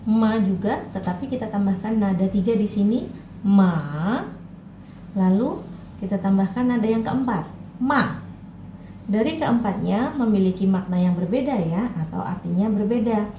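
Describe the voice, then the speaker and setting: A woman's voice: medium pitch, mellow, highs cut off. Patient woman teaching Mandarin tones. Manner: clear, patient, models tones slowly. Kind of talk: instructional lesson for learners. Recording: echoey room, faint background noise.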